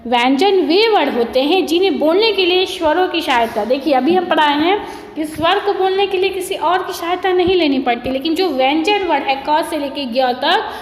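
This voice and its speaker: A woman's voice: high voice, animated, normal speed. A woman teaching a Hindi grammar lesson, asking questions and answering them herself, drawing out each letter sound. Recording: echoey room, long reverb.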